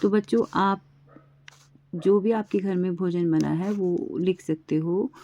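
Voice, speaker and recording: A woman teacher walking young pupils through a worksheet lesson, patiently repeating words slowly and asking them to listen closely. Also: on the low side, fairly even intonation, warm tone, lo-fi sound.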